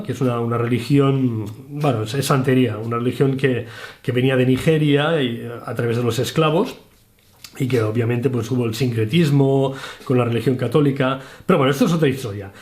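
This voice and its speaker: A man from Spain shares a travel anecdote in a relaxed storytelling manner. His voice sits at an ordinary middle pitch. He jokes at his own expense and often restarts his sentences. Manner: chatty, self-mocking, many restarts. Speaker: travel vlogger. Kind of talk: casual storytelling.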